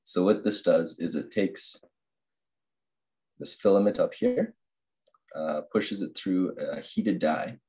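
Deep-voiced young man on a screen-recorded call. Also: darkish tone. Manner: halting, many fillers and restarts. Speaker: master's student presenter. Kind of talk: academic slide presentation.

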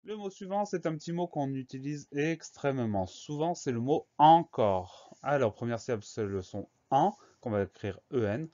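A man leads a spelling lesson, breaking words into syllables and letters at a deliberate pace. His voice sits in a middle pitch, and the recording sounds a little dull and lo-fi. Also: animated, mellow. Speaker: teacher.

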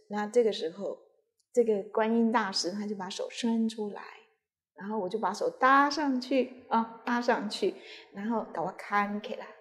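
A Buddhist nun, giving a dharma talk and telling a personal story with vivid, emotional repetition. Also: female voice, a little high, a little mellow.

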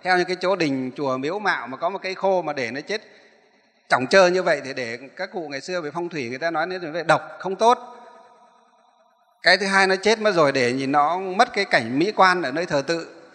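Brief: high, bright monk telling a sermon story, rambling, hall echo. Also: male voice, fairly quick. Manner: rambling, repeats and corrects himself. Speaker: Buddhist monk, abbot. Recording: echoey hall.

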